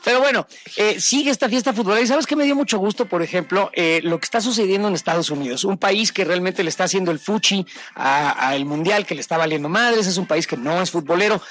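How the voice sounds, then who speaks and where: A man's voice: sits high, quick pace, a bit bright. A man with a Mexican accent, co-hosting a casual chat, ranting in profane, slang-heavy speech. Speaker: co-host.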